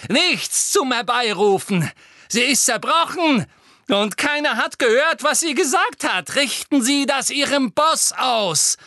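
A man's voice: extremely high pitch, lively intonation, slow, sharp tone, dry recording, studio quality, voice pushed up, full character voice. A man voicing a defiant teenage boy who calls out through pain, in an audiobook.

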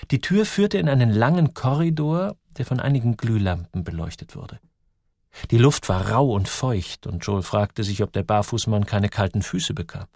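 A man narrating an audiobook in an expressive reading voice. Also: medium pitch, no room sound, clean studio sound.

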